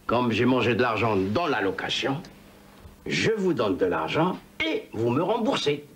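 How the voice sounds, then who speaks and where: A wisecracking cartoon dad. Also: male voice, mid-range voice, big pitch swings, a little slow, fairly bright tone, a little hiss or hum. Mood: wry. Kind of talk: cartoon voice acting.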